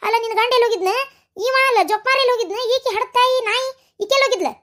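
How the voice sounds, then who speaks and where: A woman's voice: very high-pitched, quick pace. A woman voicing an older, fiery grandmother in a cartoon, scolding and heaping curses in a North Karnataka Kannada accent. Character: fiery cursing old grandmother, sharp-tongued. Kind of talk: cartoon voice acting.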